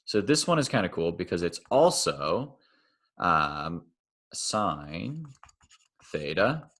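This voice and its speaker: Low-voiced man teaching math. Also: a bit bright. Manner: casual, self-correcting, thinks aloud while drawing. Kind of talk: recorded online math lecture.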